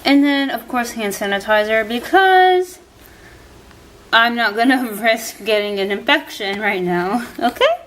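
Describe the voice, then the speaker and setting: A woman's voice: fairly high pitch, lively intonation, a little slow, fairly bright tone, a little hiss or hum. A woman chatting casually in a vlog, speaking with a sore, stiff jaw that barely opens and a partly numb mouth after surgery. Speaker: vlogger sharing surgery recovery. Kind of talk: casual chat.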